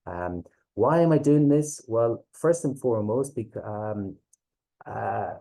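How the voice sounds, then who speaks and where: A man with a low, very mellow voice and a west of Ireland accent. He presents informally like a teacher, hesitating as he goes and often checking that listeners follow. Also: slow, vocal fry. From Galway, west of Ireland. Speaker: teacher presenting a reading series.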